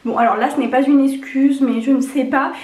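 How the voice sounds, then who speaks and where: Recovering from a cold, this young woman has a high, slightly mellow voice with a congested, honking, duck-like quality and a steady tone. She's a beauty vlogger giving a casual, rambling makeup review full of slang at a fairly quick clip, and the room echoes noticeably.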